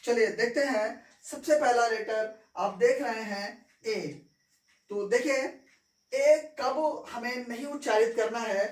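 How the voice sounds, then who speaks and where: A woman with a somewhat high voice teaches at a very slow, deliberate pace. She repeats each point and keeps asking whether it's clear. The sound comes from a roomy, echoey space, with the mic set some distance away. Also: a little mellow. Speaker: English teacher. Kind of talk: classroom-style lesson. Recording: echoey room, mic far off.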